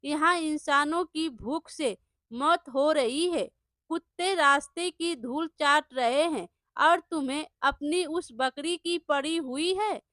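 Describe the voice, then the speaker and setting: A woman's voice: sits high, slow pace, fairly bright tone, dry recording, studio quality. A woman voicing an impatient older village man who scolds and dismisses the listener in a storybook tale. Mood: scolding.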